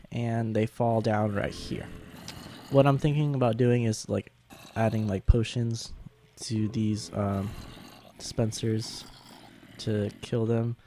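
A young man giving halting, casual gameplay commentary, sounding sick with a sore throat and swollen tonsils. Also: medium pitch, dark tone, a little hiss or hum. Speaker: gaming video host.

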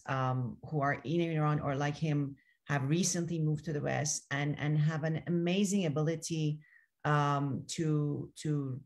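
Enthusiastic online panel moderator, hesitant with fillers, long questions. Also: mid-range voice.

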